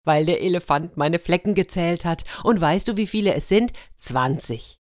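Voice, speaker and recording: A woman's voice: fairly low pitch, animated, moderate pace, darkish tone, dry recording, clean studio sound, pitched above the performer's own voice, natural voice. A woman voicing a vain, fretful male leopard in a storybook reading, exclaiming eagerly. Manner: exclaiming, fretful then overjoyed.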